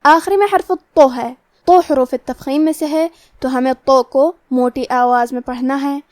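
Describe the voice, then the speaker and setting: A woman teaching Quran recitation rules, explaining each letter step by step in a methodical, measured way. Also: high voice, fairly even intonation, darkish tone, dry recording, studio quality. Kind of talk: tajweed lesson, explaining rules then reciting slowly.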